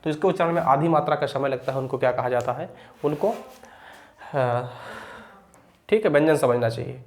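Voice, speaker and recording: Male teacher repeating points with steady checks. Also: mid-range voice. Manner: repeats key phrases, checks in with "ठीक है"; recites Sanskrit sutras slowly. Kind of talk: exam-prep grammar lesson.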